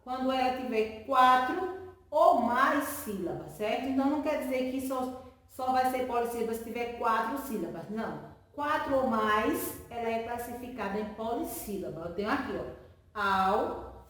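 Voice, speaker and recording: A woman's voice: on the high side, expressive, normal speed, fairly bright tone, distant mic. A woman teacher giving a remote lesson to children, stretching out words syllable by syllable and answering her own questions in a sing-song way. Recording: echoey room, voice from off-mic.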